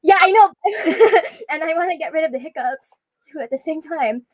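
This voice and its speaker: Young woman host, high voice, dry close sound, giggly chatty livestream. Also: lively intonation, normal speed, no echo, low-quality recording. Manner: giggly, chatty, frequent laughter. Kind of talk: casual livestream chat.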